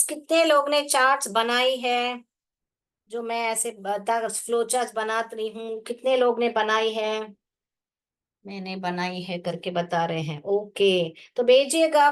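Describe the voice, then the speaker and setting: A woman teacher, explaining a lesson slowly in Hindi, spelling words out syllable by syllable and asking the class questions that she answers herself. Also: fairly high pitch.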